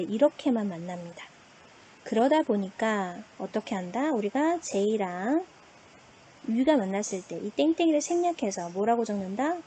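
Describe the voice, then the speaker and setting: A woman's voice: fairly high pitch, warm tone, a little hiss or hum. A woman teaching an online language lesson, patiently asking questions and answering them herself. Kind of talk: online classroom lecture.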